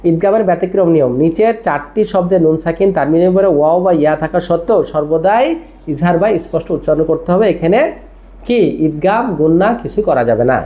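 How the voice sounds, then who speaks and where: Spelling each word letter by letter, a Quran recitation teacher drills tajweed in a dark, medium-pitched voice, stopping often to check in with the listener.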